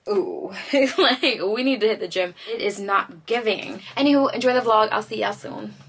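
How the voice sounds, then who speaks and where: A woman's voice: on the high side, normal speed, a bit bright. Breathless, chatty woman vlogger. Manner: chatty, rambling, self-teasing. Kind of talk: casual chat to camera. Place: home office indoors. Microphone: phone camera.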